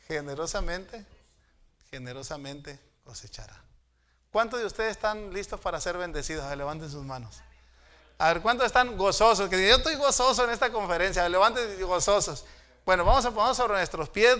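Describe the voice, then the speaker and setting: A middle-aged man from Mexico preaching a sermon in a church, telling stories and swinging from hushed asides to raised exhortations. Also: high-pitched, clear, resonant tone. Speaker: pastor. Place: church sanctuary.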